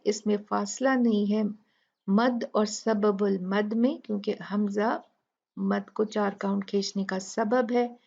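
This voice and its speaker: A woman with an Urdu accent teaching Quran recitation rules, explaining each rule step by step and then reciting the words slowly. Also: medium pitch, creaky, a little mellow, dull audio. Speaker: tajweed teacher.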